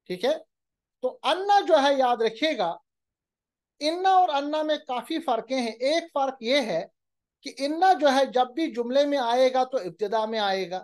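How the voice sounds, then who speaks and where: A woman teaching a grammar lecture, explaining patiently and slowing down to recite example phrases carefully. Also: fairly high pitch. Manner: patient explaining, often checks in with "okay".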